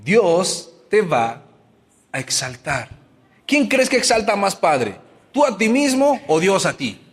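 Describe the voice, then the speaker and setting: High-voiced pastor preaching. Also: male voice, big pitch swings, slow pace, in a large hall. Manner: asks the congregation many questions, acts out everyday complaints. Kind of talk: sermon.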